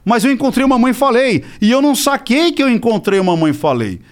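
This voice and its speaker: A middle-aged man with a Brazilian accent, a podcast guest telling a story in a casual, animated way, acting out the people he quotes and swearing freely. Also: very high-pitched, fast talker. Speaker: podcast guest, body-language specialist.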